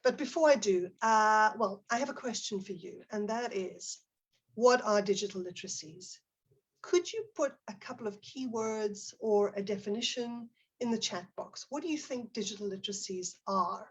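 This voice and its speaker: A woman with a South African accent leads a live online teaching webinar from a home office near Barcelona, prompting her audience and reading their chat replies in a friendly way. Her voice is husky and medium-pitched, at a moderate pace.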